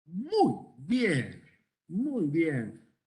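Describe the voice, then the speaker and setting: A man's voice: a little high, wildly swooping pitch, drawn-out words, darkish tone. A middle-aged man with a Rioplatense Spanish accent, an ENT doctor lecturing medical students, asking the class questions and telling stories from his practice. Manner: conversational, asks the class questions, tells anecdotes.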